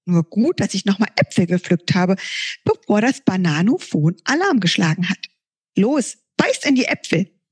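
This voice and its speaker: A woman's voice: medium pitch, sing-song, moderate pace, a little mellow, breathy edge. A woman voicing a bubbly little sun creature. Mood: eager. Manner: bubbly, chattering, scolding. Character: excitable little sun creature, spiky-haired.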